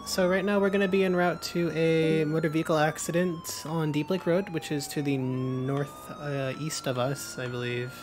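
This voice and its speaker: A man's voice: on the high side, flat delivery, moderate pace, hardly any pauses. A man playing a police officer in a game, switching between police radio call-ins and casual commentary. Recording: noisy gameplay audio with sirens behind.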